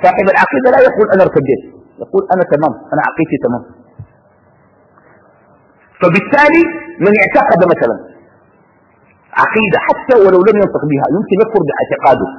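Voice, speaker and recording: A man teaches a class in a lively, high voice, rising and falling a lot as he quizzes his students. His speech is quick with a husky edge. The recording is dull and lo-fi, with a long hall reverb. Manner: animated, asks the class questions and has them finish his sentences. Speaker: religious teacher. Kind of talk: classroom lesson on creed.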